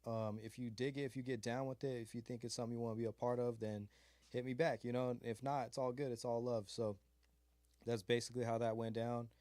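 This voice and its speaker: His voice is mid-range and level with a darkish tone, moving fairly quickly, and there's no room sound. He's a beat maker from California's Mojave desert, an adult with a child, talking in a laid-back, rambling interview chat loaded with fillers and slang.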